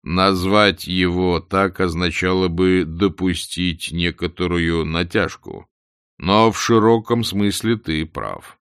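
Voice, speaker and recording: A man voicing Death, an ancient, calm male reaper, speaking slow, quiet and deadpan. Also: sits low, clean tone, no echo, clean studio sound, full character voice. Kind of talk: audiobook character voice.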